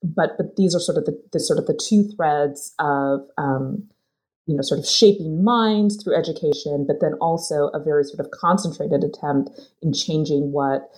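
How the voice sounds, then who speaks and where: A woman author being interviewed discusses her research in an academic conversation, using a low-pitched, darkish voice at a moderate pace. She's thoughtful and hesitant, with many fillers and restarts.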